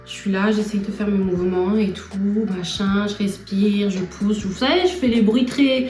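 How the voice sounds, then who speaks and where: A young woman vlogger telling a personal story in an animated, laughing way. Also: mid-range voice, moderate pace. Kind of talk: storytelling vlog. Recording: echoey room from far off, faint music.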